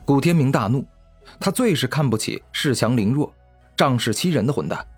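Expressive male audiobook narrator. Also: mid-range voice, moderate pace, breathy edge, soft background music. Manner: expressive storytelling. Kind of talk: web novel narration.

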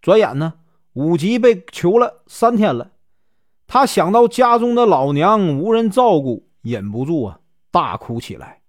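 A man's voice: high voice, very animated, dry recording, clean studio sound. A male storyteller with a Northeastern Mandarin accent, telling a classic tale in a chatty, folksy way. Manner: chatty, many drawn-out filler particles.

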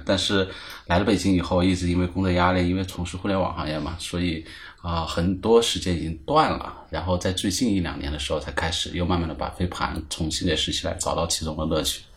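A man in his thirties, a podcast guest, explaining things at length in a relaxed way with lots of fillers. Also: low-pitched, fast. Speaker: guest, club founder. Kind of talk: casual chat. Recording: roomy echo.

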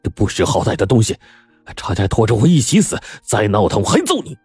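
A man voicing a rough but kind-hearted middle-aged father who talks bluntly and gruffly in a told story. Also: low voice, steady tone, quick pace, darkish tone, no room sound, clean studio sound, soft background music. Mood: angry.

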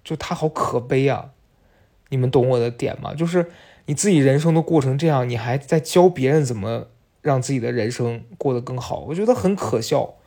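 A young man hosts a podcast and tells a personal story, chatting in a confiding way straight to his listeners. His voice is medium-pitched and dark-toned, and he talks fairly quickly in this casual storytelling monologue.

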